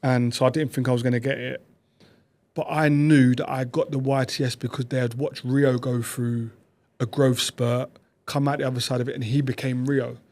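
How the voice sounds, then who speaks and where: A man, a podcast guest telling stories about his past in quick, animated bursts. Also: mid-range voice. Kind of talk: reflective conversational storytelling.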